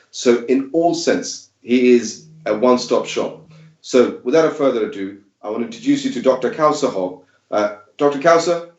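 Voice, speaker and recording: Man hosting an interview in an echoey room. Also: medium pitch. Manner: loose, searching phrasing with fillers. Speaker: host. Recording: echoey room, dull sound.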